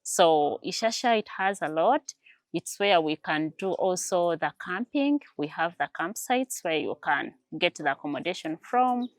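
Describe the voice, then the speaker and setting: Lower-voiced Ugandan woman, very dry sound. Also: a bit bright, no room sound. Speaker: tourism warden. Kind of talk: informative interview talk promoting a place.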